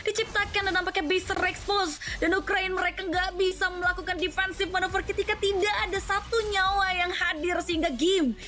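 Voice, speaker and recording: A woman's voice: very high voice, steady tone, fairly quick, few pauses, pushed and bright. A woman with an Indonesian accent commentating an esports match like a fighting game announcer, in wordy phrases sprinkled with English game terms.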